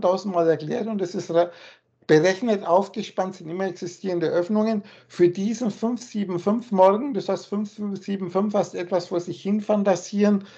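A man on a video call, explaining spiritual texts in a rambling, circling way, repeating words and slowing down to stress single ones. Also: high-pitched, a little mellow, slightly rough. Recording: muffled call audio.

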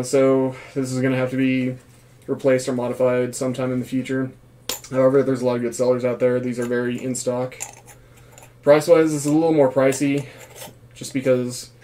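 A man's voice: mid-range voice, mellow, a little hiss or hum. A man in his thirties giving a casual vlog review in a small room. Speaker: gas mask reviewer, former Marine.

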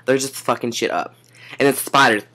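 A man's voice: medium pitch, moderate pace, sharp tone. A young man ranting profanely and exasperatedly in a comedy vlog, stammering and restarting as he goes. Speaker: comedian vlogger. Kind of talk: satirical rant vlog.

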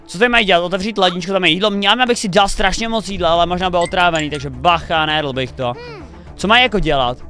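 A young man hosting a reaction video, commenting excitedly, thinking aloud and cheering the players on. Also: sits high. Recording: faint music behind the voice.

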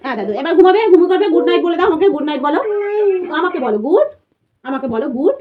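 Young woman, high voice, sing-song baby talk to a toddler, dull lo-fi phone recording, noise behind. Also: expressive, racing, over a noisy crowd. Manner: sing-song, cooing and teasing. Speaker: mother talking to her little son. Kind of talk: playful baby talk at bedtime. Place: bedroom at night.

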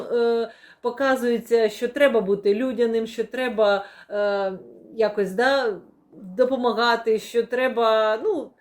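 A woman's voice: a little high, a little mellow. A young woman chatting casually as she unboxes and shows new books, with many fillers and playful laughs. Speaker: book vlogger. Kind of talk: casual book unboxing chat.

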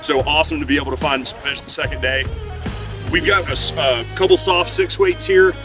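Easygoing bearded fly fisherman, fairly high voice. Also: a little fast, music in the background. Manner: relaxed, easygoing, lots of ums. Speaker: fly fishing guide and host. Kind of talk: casual outdoor vlog talk. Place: outdoors by a mountain stream.

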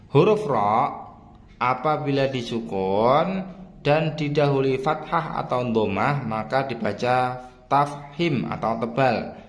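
A man teaching a reading lesson step by step, explaining patiently and chanting the examples in a drawn-out tune. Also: medium pitch.

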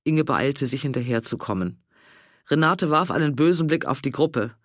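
A man reading a novel aloud as audiobook narrator, in a calm, measured narrating voice. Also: mid-range voice, no echo, clean studio sound.

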